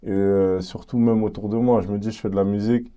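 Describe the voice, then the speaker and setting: A young man from French Guiana speaks with a French Guianese accent. His voice sits fairly low and sounds very dark and mellow, and he talks in a relaxed, halting way, full of fillers, as an interviewed rapper. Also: smooth. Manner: relaxed, hesitant, many fillers and restarts. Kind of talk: casual interview chat.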